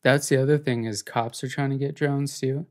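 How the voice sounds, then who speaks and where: A man's voice: mid-range voice, steady tone, moderate pace, darkish tone. A man co-hosting a podcast in casual chat, joking and rambling in a laid-back way. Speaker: podcast co-host.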